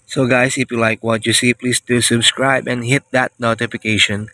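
Filming a vlog on his phone, this thirties-aged Filipino-accented man reviews a product in a playful, relaxed way. His pitch sits in the middle, his delivery is level and at normal speed, and his tone comes across bright and forceful. The setting is an open-air beach hut at night, then the inside of a tent.

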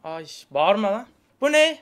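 A woman's voice: mid-range voice, big pitch swings, a little slow. A woman pranking strangers over video chat, teasing them with slangy, playful patter and a mock magic trick. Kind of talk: casual trolling chat with strangers.

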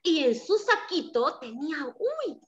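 A woman teacher reading a story to young children in an animated, exclamatory way, stopping to quiz them. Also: sits high, unhurried, lo-fi sound.

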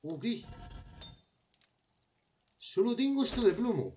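Lively Spanish man narrating gameplay. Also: high voice, takes it slowly, slight background noise. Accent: Spain. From Spain. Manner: talks to himself while crafting, addressing viewers as friends. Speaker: gameplay commentator. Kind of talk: casual gameplay commentary.

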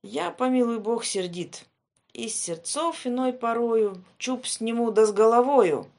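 A woman's voice: a little high, unhurried, darkish tone. A woman doing a bellowing angry old tsar. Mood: blustering. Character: angry bearded old tsar, threatening and pompous.

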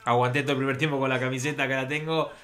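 A man giving live reactions to a football match, breaking into excited shouts at big plays. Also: mid-range voice, very fast.

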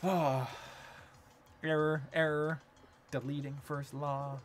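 Robot voice: a glitching cat bot played by a man, a little high-pitched, offhand and mock-mechanical. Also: flat delivery, slow. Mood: mock robotic. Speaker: streamer. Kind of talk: casual gaming chat.

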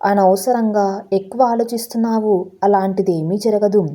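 A woman reading as a calm, brave daughter. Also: medium pitch, moderate pace, lightly acted. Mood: reassuring.

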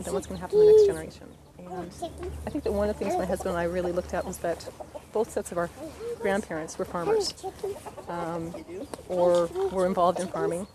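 A woman in her thirties, a farm customer, answering interview questions outdoors in a chatty way with many ums. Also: on the low side. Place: outdoors in a garden.

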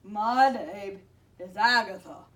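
Woman voicing a gooey sniffly lady monster, loud, polite, stretched words, storybook, distant mic. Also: mid-range voice, slow. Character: sniffly slimy female mucus monster. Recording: distant mic, faint background noise.

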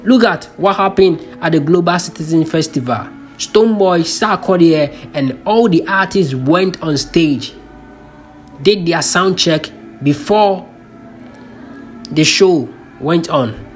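A man's voice: fairly high pitch, takes it slowly. Ghanaian man chatting over faint music. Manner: chatty, mixes Pidgin into English. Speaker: channel host. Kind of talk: casual commentary voice-over.

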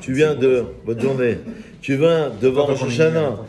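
Lively rabbi teaching a class. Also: male voice, medium pitch, a little slow, a crowd in the background. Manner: lively, teasing, chats with listeners. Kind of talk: informal Torah lesson to a small group.

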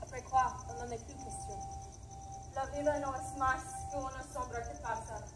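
A woman recites verse on stage in a measured, declamatory manner. Her voice sits high. She is heard from some distance, with room echo around her. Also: fairly even intonation, noisy background. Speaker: performer reciting translations. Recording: echoey stage from far off.

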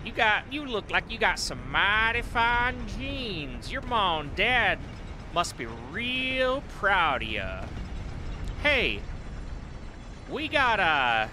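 A man's voice: high voice, very animated, slow pace, background noise, pitched above the performer's own voice, heavily acted. A man voicing a folksy southern old-timer with a put-on Southern US accent and a drawl.

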